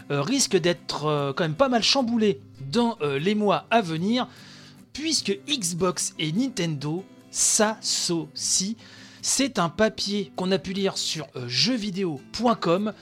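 A man hosting a solo podcast, talking through news in a chatty way, with many fillers while reading and quoting an article. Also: sits high. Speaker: podcast host.

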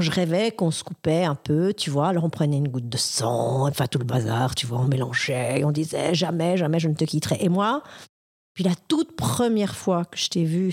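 A woman's voice: low-pitched, a little mellow, breathy edge, full character voice. A woman playing a sentimental friend in an improv scene, talking in a tender, rambling way. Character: sentimental woman dreaming of a blood sister.

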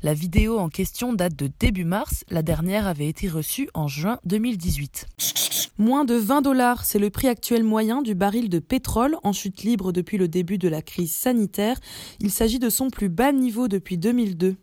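Female presenter, warm mellow tone, crisp news briefs, dry sound. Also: mid-range voice, lively intonation, normal speed, dry recording.

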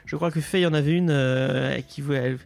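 A man hosting a casual podcast chat, halting and searching for his words as he goes. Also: on the high side, fairly even intonation, gravelly, a little mellow. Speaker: podcast host.

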